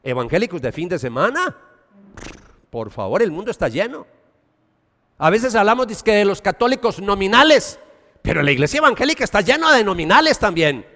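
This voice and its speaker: Un pastor que predica un sermón, alternando énfasis fuertes con apartes en voz baja y escenas coloquiales actuadas para la congregación. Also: male voice, sits high, big pitch swings, fairly quick. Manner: preaching with dramatic swings between loud emphasis and quiet asides; colloquial, acts out little scenes for the congregation. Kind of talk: sermon. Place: church hall. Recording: long church-hall reverb.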